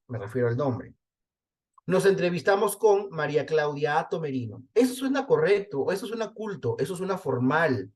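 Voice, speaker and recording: A fairly high-voiced man from Peru teaches legal writing. He talks emphatically and corrects common mistakes, running through lists of example phrases and checking in with rhetorical questions as he goes. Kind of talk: spoken lesson on legal writing.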